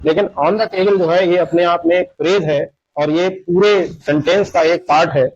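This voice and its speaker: Male teacher, slightly high voice, patient explainer, lo-fi mic. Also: fairly even intonation. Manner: slow, explanatory, repeats examples. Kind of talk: Hindi grammar lesson lecture. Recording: dull lo-fi sound.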